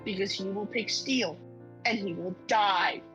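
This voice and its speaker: A blunt young male gunslinger, put on by a woman player in a tabletop game. He speaks in a flat, deadpan way at a middling pitch, and a faint tune runs in the background. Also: a little slow, faint music behind, close to an everyday voice.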